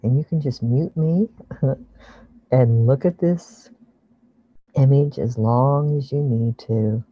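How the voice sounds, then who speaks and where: Online meditation guide: slow, soothing, hushed delivery, medium pitch, dry but dull lo-fi recording. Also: breathy edge. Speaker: relaxation guide leading an online session. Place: online video call with screen sharing.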